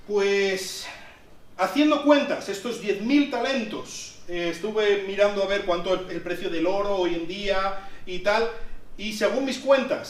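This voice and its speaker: A man from Spain preaching a sermon in a conversational way that rises to emphatic peaks. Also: high-pitched. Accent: Spanish from Spain. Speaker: pastor. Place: church hall. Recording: echoey church sound from a distance.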